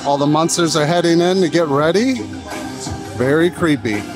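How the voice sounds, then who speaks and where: A man's voice: fairly high pitch, normal speed, music in the background. A man hosting a casual event vlog, narrating and chatting outdoors as he goes. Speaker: vlog host. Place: outdoors at a haunted attraction at night.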